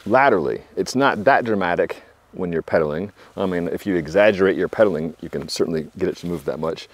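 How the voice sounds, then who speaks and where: A man's voice: on the low side, a little mellow, no room sound. A man in his forties giving a casual, conversational product review outdoors, with wry asides. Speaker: bike reviewer. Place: outdoors beside trees and trails.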